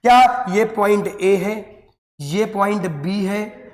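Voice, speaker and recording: A man's voice: high voice, takes it slowly. A male teacher giving a lesson, coaxing his students and answering his own questions. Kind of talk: classroom lesson. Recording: echoey, reverberant room.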